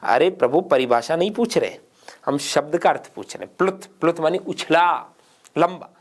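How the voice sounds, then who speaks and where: A man's voice: on the high side, lively intonation, moderate pace, a little hiss or hum. A man teaching a grammar lesson for exam students, asking questions and answering them himself and repeating key points. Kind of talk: exam-prep grammar lecture.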